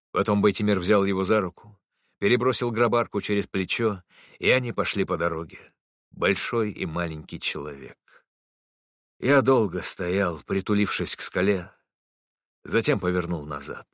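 Man reading a literary audiobook, low and dry. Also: a bit bright, no echo. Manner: measured, earnest storytelling. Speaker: narrator.

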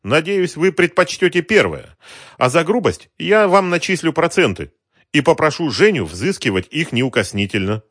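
A man's voice: a little high, big pitch swings, moderate pace, a bit bright, no echo, clean studio sound, voice pushed up. A man voicing a polite, mocking racketeer in a suit who talks down to a shopkeeper. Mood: cold, mocking. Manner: mocking, coldly courteous. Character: sly polite middle-aged male racketeer in a suit.

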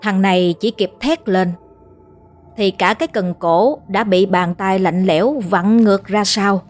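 A woman telling a horror story in a steady, dramatic storytelling manner. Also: mid-range voice, measured pace. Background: faint music.

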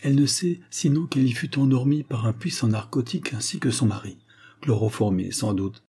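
A man narrating an audiobook thriller with steady, dramatic pacing. His voice is dark and mellow, with a husky grain. He sits at a middle pitch for a man. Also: normal speed. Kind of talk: audiobook reading of a spy novel.

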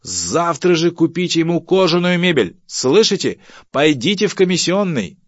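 A man voicing a stingy, pompous middle-aged husband who lectures about thrift and turns shrill when provoked. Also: big pitch swings, moderate pace, dry recording. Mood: bossy. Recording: dull, dry audiobook recording.

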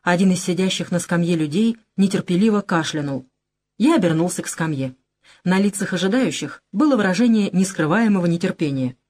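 Female audiobook reader, expressive and animated narration. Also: lowish voice, brisk. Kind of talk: scripted narration.

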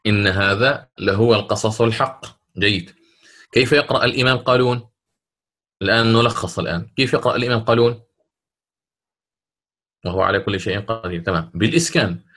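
A man teaching a lesson on Quran recitation, asking his students questions and slowly chanting verses as examples. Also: fairly low pitch, a bit bright.

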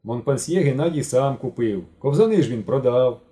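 A man's voice: medium pitch, animated, moderate pace, mellow, lightly acted. A man voicing a fussy, talkative older woman who scolds her nephew in an audiobook. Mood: scolding.

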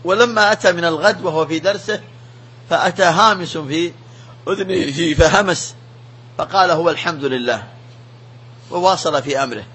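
A man giving a religious lesson as a sheikh, preaching in an emphatic, animated way. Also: high-pitched, fairly quick, husky.

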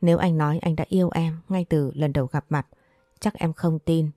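A woman reading the lines of a gentle, devoted young husband in an audio story, speaking tenderly. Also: low-pitched, steady tone, normal speed, dry recording, clean studio sound, close to an everyday voice. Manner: tender, earnest.

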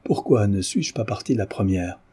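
A man's voice: lowish voice, expressive, moderate pace, dark tone, slightly rough. A man doing a frail, imploring old mother. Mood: pleading.

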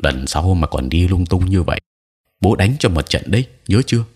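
Man voicing stern father, low, husky, threatening. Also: animated, moderate pace, darkish tone.

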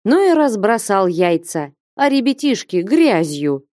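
Hoarse, whining drunken man, self-pitying, slow and dragging, voiced by a woman. Audiobook. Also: mid-range voice, sing-song, dark tone, no echo, studio quality. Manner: whining, complaining.

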